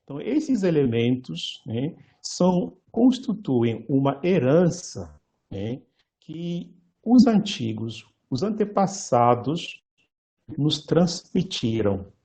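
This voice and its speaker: A male priest giving a lecture-style sermon, slow and measured, pausing often and correcting himself mid-word. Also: fairly high pitch, sing-song, mellow.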